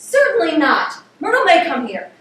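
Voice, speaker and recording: A woman playing a fussy, bossy middle-aged mother on stage with a sharp commanding delivery. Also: extremely high pitch, big pitch swings, normal speed. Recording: distant stage, echoey theater, room noise.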